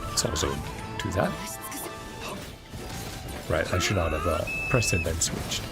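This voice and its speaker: Over loud music, a low-pitched male streamer chats in an unhurried way while reacting to a story quest. He reads game text aloud, playful and casual, tossing in muttered asides and brief exclamations.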